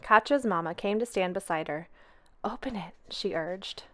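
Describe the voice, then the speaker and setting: A woman reading a children's storybook aloud in a gentle, expressive, unhurried way. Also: on the low side, slight background noise. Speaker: storytime reader.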